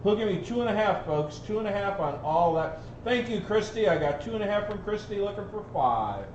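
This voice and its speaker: A man calls a live auction in a fairly high, animated voice, chanting and repeating bids fairly quickly while bantering folksily. He sounds distant from the mic in an echoey room, and the audio is a little dull with faint noise.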